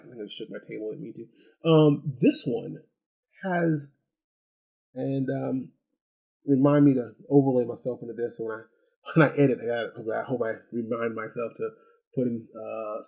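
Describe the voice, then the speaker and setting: A gadget review host gives an unscripted, casual product review, rambling and repeating words, with chatty rhetorical asides and check-ins like "right?" His medium-pitched voice is husky and darkish, with vocal fry.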